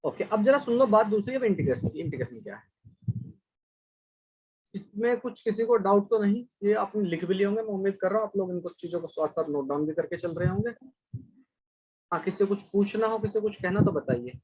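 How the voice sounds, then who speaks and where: A man's voice: sits high, lively intonation, brisk, warm tone, slightly rough, rough recording. A man teaching a math class online, patiently explaining steps and praising students by name as he checks their answers.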